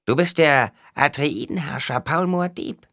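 Storybook dwarf, impish and mocking, squawky bright voice, done by a male reader. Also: fairly high pitch, unhurried, no echo, studio quality, voice pushed up. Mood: mocking riddles. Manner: playful, riddling, mocking.

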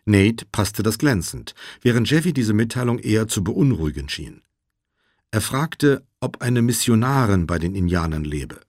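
A man narrating an audiobook in a measured, even storytelling manner. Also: lowish voice, dry recording, studio quality. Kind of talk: scripted narration.

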